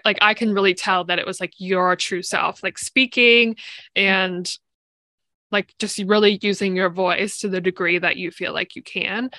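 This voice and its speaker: A woman hosting a casual interview, phrasing haltingly and peppering her sentences with filler "like". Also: mid-range voice, bright, forceful tone, no room sound. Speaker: interview host.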